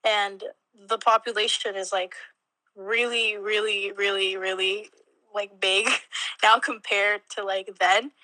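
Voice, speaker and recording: A young woman from Mexico, a college student, talks chattily in a casual interview, laughing lightly between words and using many fillers. Her medium-pitched voice barely moves in pitch and comes out slow, bright and forceful. The recording is dry and low quality.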